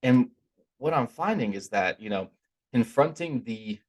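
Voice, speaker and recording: A man giving an informal, earnest spiritual talk in a conversational, stop-and-start way, his r sounds softened toward w. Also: medium pitch, animated, measured pace. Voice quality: trouble pronouncing r, softened toward w. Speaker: religious teacher giving a talk.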